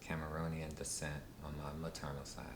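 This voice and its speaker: Very deep-voiced man, slow and halting. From Washington, D.C. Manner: unhurried, halting, many fillers. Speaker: interviewee. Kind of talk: casual recorded interview. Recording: roomy, with steady low rumble.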